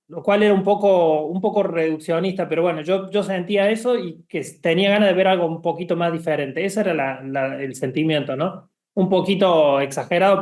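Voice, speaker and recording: A man's voice: high-pitched, darkish tone. A man from Argentina, talking casually as an interview guest, hesitant with many fillers and restarts. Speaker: guest, bookshop founder.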